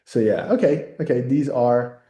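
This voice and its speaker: A man's voice: medium pitch, normal speed, mellow. A man teaching an informal lesson, guiding discussion and often checking in with short okays and rights. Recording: roomy, echoing sound.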